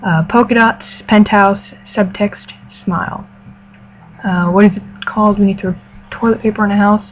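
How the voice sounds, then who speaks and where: Taking part in an accent challenge, a woman with a steady, mid-range voice answers questions and reads aloud at a moderate pace, hesitating and thinking out loud casually. It sounds like it was recorded on a phone, tinny and noisy, with music from a radio behind her.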